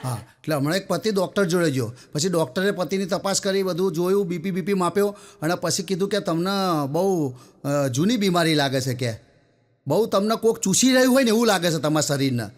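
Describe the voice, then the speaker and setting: A man's voice: sits high, a little fast. A man telling a string of comic jokes in a chatty storytelling way, often turning to address his listeners directly. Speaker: stand-up comedian. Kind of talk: Gujarati folk joke telling.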